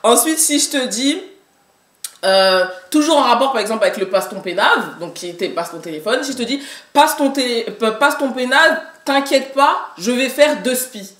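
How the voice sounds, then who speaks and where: A woman's voice: fairly high pitch, lively intonation, moderate pace, a bit bright. A young adult woman quizzing someone in casual, teasing talk full of French youth street slang. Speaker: daughter quizzing her father on youth slang. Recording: echoey room.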